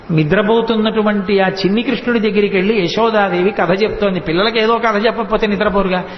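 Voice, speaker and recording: High-voiced man telling a devotional story in an echoey hall. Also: slight background noise. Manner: acts out voices of characters and chants Sanskrit verses. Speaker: religious discourse speaker. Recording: echoey hall, dull lo-fi sound.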